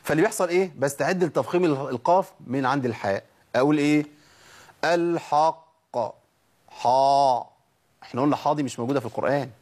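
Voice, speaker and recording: A man's voice: a little high, rapid-fire, darkish tone, breathy edge. A man with an Egyptian Arabic accent teaching Quran recitation, demonstrating each sound and asking and answering his own questions. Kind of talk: tajweed lesson.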